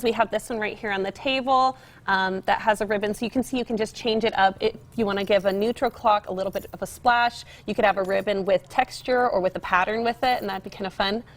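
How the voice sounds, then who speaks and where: A young American woman chatting informally and upbeat as a guest giving a decor demonstration on television. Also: medium pitch. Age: young adult. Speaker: guest home decor store representative. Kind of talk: casual TV demonstration interview. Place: TV studio set, indoors.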